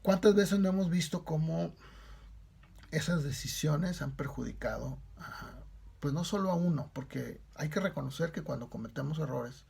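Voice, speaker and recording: A man's voice: a little high, moderate pace, gravelly, warm tone, husky. A male pastor preaching a sermon in a conversational storytelling manner, with frequent tag questions.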